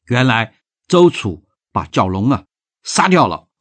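Animated male folk tale storyteller. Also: mid-range voice, measured pace. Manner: animated, expressive narration.

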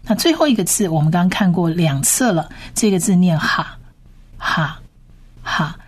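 A woman teaching how to read Hebrew words, spelling out each sound and repeating it slowly. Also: lowish voice, lively intonation, darkish tone, slightly rough. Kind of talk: slow reading lesson.

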